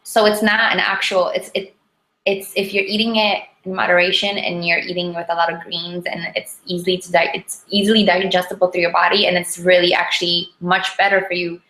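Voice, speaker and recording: A woman with a Polish accent chatting casually and informally, in an animated, rambling way, as an interview guest. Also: lowish voice, fairly quick. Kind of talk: casual chat about diet. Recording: echoey, roomy sound.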